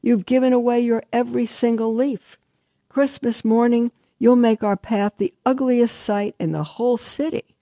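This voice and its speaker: A woman voicing a vain, haughty fir tree in a high, smug, mocking voice while reading a Christmas story aloud. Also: expressive, measured pace, creaky, mellow, breathy edge, dry recording, exaggerated voice. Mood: shrieking. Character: haughty smug fir tree, female-sounding, sharp-tongued.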